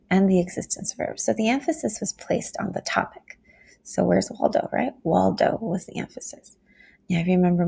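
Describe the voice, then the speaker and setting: A woman teaching a Japanese lesson, explaining grammar step by step and slowing down to model phrases. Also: medium pitch, gravelly, darkish tone, husky. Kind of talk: classroom lecture video.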